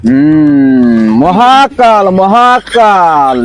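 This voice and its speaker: A high-voiced conman exorcist played by a man with a rural Bangladeshi accent. He is bawdy and bossy, chanting his pompous catchphrases in broad comedy style, with music clearly behind him. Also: sing-song, very slow, heavily acted. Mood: pompous, commanding. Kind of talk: broad comedy skit acting.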